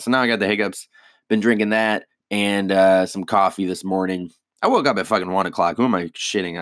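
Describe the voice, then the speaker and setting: A man's voice: lowish voice, fairly bright tone, no room sound, studio quality. A man, a stand-up comedian, chatting casually and rambling with lots of swearing and self-deprecating asides. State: hiccups. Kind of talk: casual solo podcast chat.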